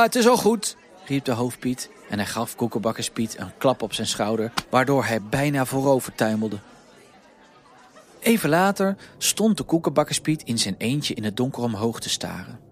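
A man reading a children's story aloud in a calm, lively storytelling manner. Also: medium pitch.

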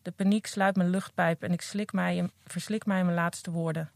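A woman's voice: lowish voice, fairly even intonation, moderate pace, gravelly, no room sound. A woman reading aloud from her own memoir in an earnest, candid first-person voice, recorded close on a podcast mic. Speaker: recovering addict reading from her own book.

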